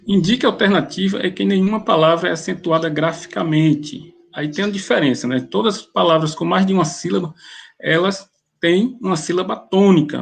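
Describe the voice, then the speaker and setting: A man, explaining grammar exam questions step by step and often pausing to restart a phrase. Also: high-pitched, gravelly, slightly rough. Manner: methodical, pauses and restarts mid-phrase. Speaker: grammar teacher.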